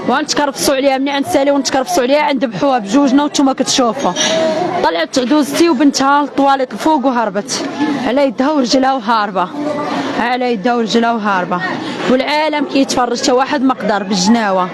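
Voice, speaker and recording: A woman's voice: sits high, racing, noisy background. A young woman with a Moroccan accent giving an emotional street testimony, angry and crying, insistent and repeating her phrases. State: crying, upset. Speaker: bereaved widow giving an eyewitness account. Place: outdoors in a residential street. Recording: outdoor street recording with loud crowd.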